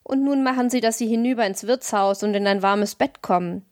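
A woman voicing a gruff, good-natured old male forester in an audiobook, with folksy, blunt talk. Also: a little high, a little fast, darkish tone, no echo, clean studio sound, natural voice. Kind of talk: audiobook reading.

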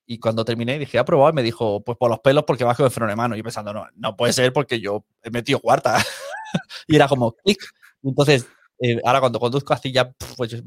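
Man, casual podcast chat, anecdotal, middle pitch, dry close sound. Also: dry recording. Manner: anecdotal, laughs often, quotes people in his stories. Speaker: podcast teacher and host.

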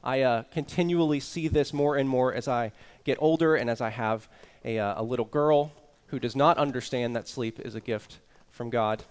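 A man's voice: medium pitch, normal speed, clean tone. A man preaching an earnest sermon as pastor, explaining scripture with rising emphasis.

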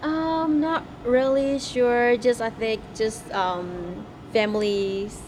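A Thai woman in her twenties who owns a grocery store answers interview questions hesitantly, with many fillers, inside her shop. Her slightly high voice is steady and slow, and the on-location recording has background noise.

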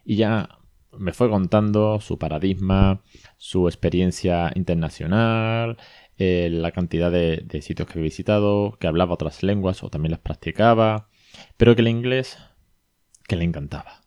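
A man from talks in a deep, mellow voice. He hosts a casual podcast, retelling a consultation with chatty asides. The recording is dry and close. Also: normal speed, no echo. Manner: conversational, retells dialogue, frequent asides and self-corrections. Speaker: podcast host, bilingual parenting consultant.

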